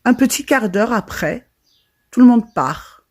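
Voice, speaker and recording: A young woman narrating a first-person horror storytime, with a dramatic and lively delivery. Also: a little high, measured pace. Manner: dramatic, lively retelling with quoted voices.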